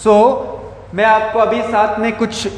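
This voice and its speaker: A man's voice: high-pitched, completely flat delivery. A male school English teacher, giving a grammar lesson and spelling words out letter by letter. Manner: slow, repeats and spells out words. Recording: roomy echo with long reverb.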